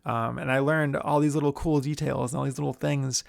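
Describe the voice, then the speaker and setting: Gravelly-voiced man giving writing tips. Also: mid-range voice, fairly quick, no echo, clean studio sound. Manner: relaxed, chatty, many fillers. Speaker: screenwriter and podcast host. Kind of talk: casual instructional talk.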